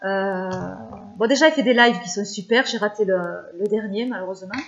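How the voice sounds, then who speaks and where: A woman's voice: medium pitch, brisk, muffled recording. A French-speaking woman vlogger chatting casually about her favorite channels, with many hesitations and fillers.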